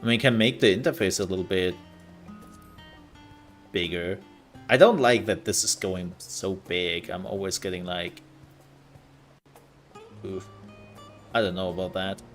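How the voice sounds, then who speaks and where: A man's voice: deep voice, unhurried, pauses often, soft background music. A man giving casual live gaming commentary, rambling and thinking aloud as he plays. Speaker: livestreamer.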